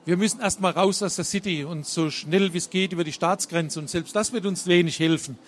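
A man's voice: high voice, a little fast. A man voicing a tough woman police lieutenant on the run, talking urgently. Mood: worried. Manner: urgent, clipped.

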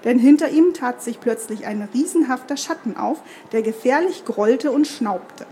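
A woman author reads her fantasy novel aloud at a live event before an audience, now and then stumbling and correcting herself. Her voice sits a little high, with a faint hum of room ambience behind her. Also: moderate pace, dark tone. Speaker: author reading her own book.

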